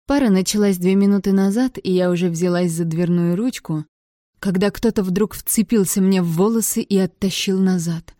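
A woman's voice: medium pitch, warm tone, dry recording, clean studio sound. A woman reading a first-person novel aloud, with a wry, sardonic tone. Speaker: audiobook narrator.

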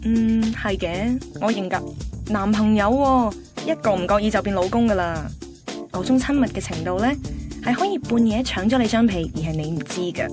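With a Hong Kong Cantonese accent and a mid-range voice, a woman narrates a radio drama conversationally, lightly acting a picky, chatty host in her twenties. She sounds cheeky, self-assured, playful and confiding at a moderate pace, with music in the background.

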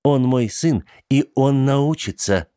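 A man's voice: medium pitch, takes it slowly, dark tone, clean tone, dry recording, studio quality, pitched above the performer's own voice, natural voice. A man voicing a middle-aged mother who firmly defends her son. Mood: firm defensive. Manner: firm, defensive. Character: protective, firm middle-aged vampire mother.

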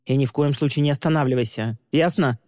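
A man voicing a hot-tempered, commanding man who barks orders and often shouts. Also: mid-range voice, fast, no echo, studio quality, in a large hall, natural voice. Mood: gruff. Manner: barking and bossy, shouting often.

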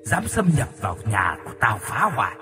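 A man voicing a boy possessed by a vengeful female ghost in a horror story, speaking in a raspy, snarling voice. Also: on the low side, huge pitch swings, moderate pace, big-room sound, over music. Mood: raging. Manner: snarling, murderous threats.

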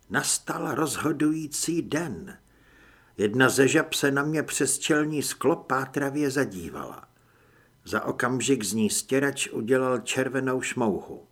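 Man, audiobook narrator, first-person, expressive, varied pitch. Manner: lively, expressive reading.

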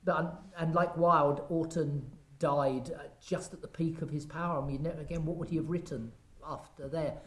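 A theatre actor in a casual interview, telling animated stories and quoting lines. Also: medium pitch, normal speed, hardly any pauses, echoey room. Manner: animated storyteller, quotes lines.

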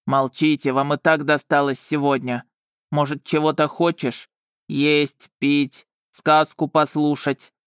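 A man voicing a huge, blunt male beast familiar in an audiobook, gruff and matter-of-fact. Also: a little high, little pitch movement, slow pace, fairly bright tone, dry recording, clean studio sound.

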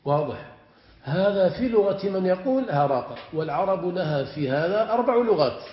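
Sheikh lecturing in an echoey classroom. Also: male voice, a little high. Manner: drawn-out stressed word forms, questioning students. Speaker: sheikh teaching Arabic morphology. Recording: echoey room, dull lo-fi sound.

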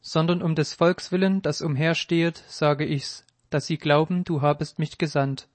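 A man reading Jesus in an old-style Bible recording, speaking in a solemn, measured way. The voice sits a little high for a man and keeps a flat, even tone. The sound is close and dry. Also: no echo, natural voice. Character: Jesus, a calm grave man teaching.

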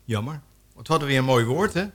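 A man co-hosts a small local radio programme. He chats casually, hesitating and pausing for fillers. His pitch sits in an ordinary middle range. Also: lively intonation. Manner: hesitant, many fillers, light joking.

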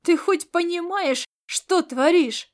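A woman's voice: very high voice, takes it slowly, pitched above the performer's own voice. A woman reading an audiobook and voicing a hot-tempered male space mercenary who argues back defensively. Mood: angry. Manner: indignant, defensive, yelling back. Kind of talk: audiobook character voice.

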